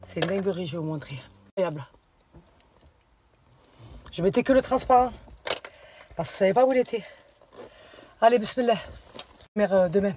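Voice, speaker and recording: A woman with a deep voice and a Marseille accent, chatting casually and confidingly to her followers in a vlog. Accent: Marseille French. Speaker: vlogger. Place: outdoors on city streets. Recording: loud street traffic behind. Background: traffic and city noise.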